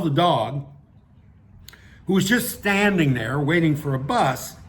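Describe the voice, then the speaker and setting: A man's voice: on the high side, a little hiss or hum. A man reading his own humorous essay aloud, with a dry, wry delivery and offhand asides.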